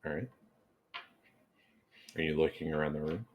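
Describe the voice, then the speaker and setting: A man's voice: extremely low pitch, moderate pace. A man acting as game master, narrating a tabletop game in casual speech.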